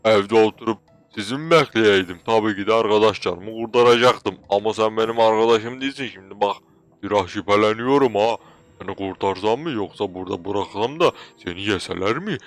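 A young man hosting a game video, talking in a loud, playful, exaggerated way while commenting on his role-play. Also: lowish voice, fairly quick, soft background music. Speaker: gaming channel host.

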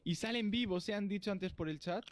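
A man in a casual gaming chat, laid-back and making quick remarks. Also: sits high, no room sound.

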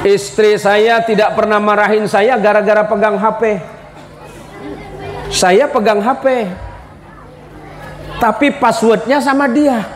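Man, middle-aged, preacher, humorous sermon, teasing, slow delivery, long hall echo, audience faintly heard. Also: high voice, steady tone. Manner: joking, teasing, asks the crowd questions. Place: large hall at a religious school celebration. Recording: long hall reverb with crowd and noise.

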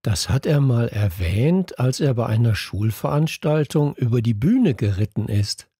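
Brief: narrator as an unhurried, composed boy, low and husky, dry sound. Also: dry recording. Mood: hesitant. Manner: calm, measured. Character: calm thoughtful schoolboy Luca.

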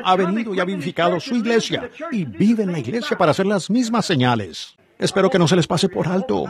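A man with a fairly high voice gives a sermon in simultaneous interpretation, swinging his pitch up and down as he preaches with emphasis. He keeps asking the listeners rhetorical questions. A congregation is clearly heard behind him.

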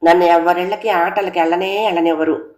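A woman narrating a comic story in a lively, conversational first-person way. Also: on the low side, brisk. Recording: roomy echo.

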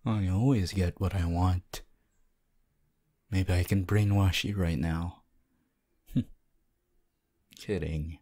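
Man voicing Hitoshi Shinsou, slow low sly flirt. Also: fairly even intonation. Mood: possessive, sly. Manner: slow, hushed, teasing, pauses often. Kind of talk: ASMR character roleplay to the listener.

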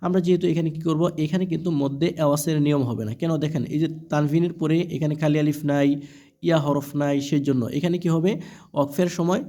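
Guy slowly spelling out quran words for a class, soft mellow tone. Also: a little high, fairly even intonation. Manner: patient, letter-by-letter spelling with drawn-out recitation; asks rhetorical questions, checks with "okay?". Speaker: Quran reading teacher.

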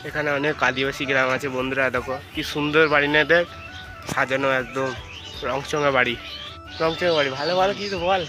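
A man's voice: mid-range voice, a little fast. A young man, chatting to viewers while vlogging outdoors on a phone camera. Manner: chatty, keeps addressing viewers as friends. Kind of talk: casual travel vlog narration. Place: outdoors on village roads. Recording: background music under voice.

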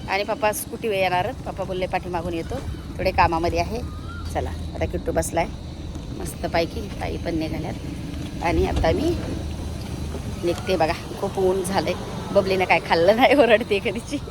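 Filmed on a phone with street noise plainly audible, a young family vlogger talks casually to her viewers and encourages her toddler to keep going. She speaks at a normal speed in a fairly low voice, and the sound is roomy.

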